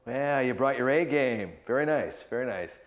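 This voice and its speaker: A man's voice: medium pitch, expressive, moderate pace, slight background noise. A man hosting an infomercial with an upbeat, emphatic hard-sell delivery, presenting and putting questions to guests. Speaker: infomercial host.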